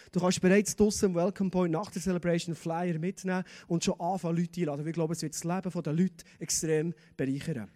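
A man preaching a lively sermon in church, reading scripture with acted voices. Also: sits high. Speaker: pastor.

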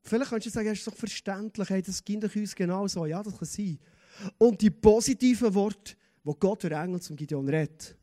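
A man preaching a lively sermon in church, reading scripture with acted voices. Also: sits high, brisk. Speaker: pastor.

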